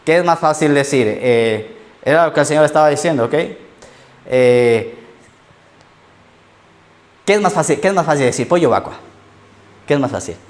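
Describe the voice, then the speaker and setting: A man's voice: mid-range voice, animated, moderate pace, pauses often. A man preaching a sermon as a pastor in a church, telling stories and acting out quoted lines, often checking in with the congregation.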